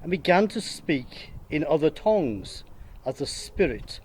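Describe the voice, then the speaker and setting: A man narrating a Bible passage in church, reading in a measured, steady way. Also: fairly high pitch, a little hiss or hum. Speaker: Scripture reader.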